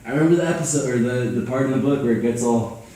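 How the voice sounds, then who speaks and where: A man's voice: medium pitch, fast talker, dark tone. A man answering trivia during a workout, hesitant, thinking aloud and muttering mild curses. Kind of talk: casual chat during a live workout. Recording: echoey room, mic at a distance.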